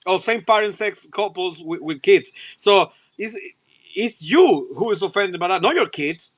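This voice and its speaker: A man whose first language is Spanish, chatting casually as a guest, animated and full of restarts. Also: sits high. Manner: halting, many restarts, animated. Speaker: guest toy reviewer. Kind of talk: casual chat.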